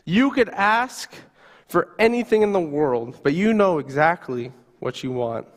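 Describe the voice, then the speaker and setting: A man's voice: on the high side, long reverb tail. A male pastor preaching a sermon, telling a story vividly in the second person.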